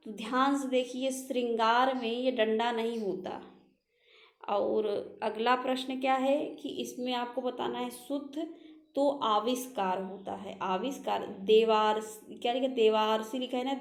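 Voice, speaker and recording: A woman leads a Hindi spelling lesson for exam prep, working through the answers one by one, repeating the correct words, and asking rhetorical questions. Her voice is on the high side with fairly even intonation and a measured pace. The sound is roomy.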